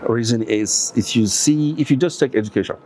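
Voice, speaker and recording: Here a northern Nigerian man with a mid-range, slightly mellow voice talks fairly quickly over a little background hiss or hum. He's a guest on a podcast interview, listing examples earnestly and with insistence.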